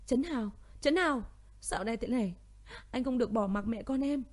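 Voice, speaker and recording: A woman's voice: on the high side, normal speed, dark tone. A woman voicing a heartbroken young pregnant woman who pleads tearfully with her brother and her missing lover, in a narrated audio story. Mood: sobbing.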